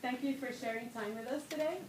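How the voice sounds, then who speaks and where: A woman's voice: a little high, fast talker. A woman introducing a guest speaker, reading a formal introduction from notes and switching between languages. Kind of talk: read-out introduction. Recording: echoey room from far off, faint noise.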